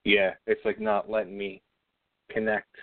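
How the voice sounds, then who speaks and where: A man's voice: fairly low pitch, little pitch movement, measured pace, vocal fry, dry recording. A man co-hosting a show, calling in over a phone line and chatting loosely with lots of fillers. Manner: loose and rambling, with many fillers. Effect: heard over a phone line. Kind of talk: casual chat. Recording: tinny, dry phone line.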